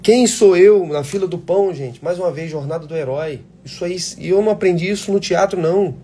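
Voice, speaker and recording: An actor talks to aspiring actors in a casual live chat, answering viewer questions with blunt passion and plenty of swearing. His voice sits high and sounds warm, his delivery brisk, with slight background noise.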